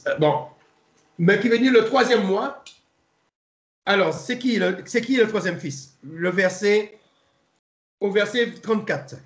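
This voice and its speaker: A man leading an informal Bible study, pausing, repeating words and spelling names out letter by letter. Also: high-pitched. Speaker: Bible teacher. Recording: roomy echo.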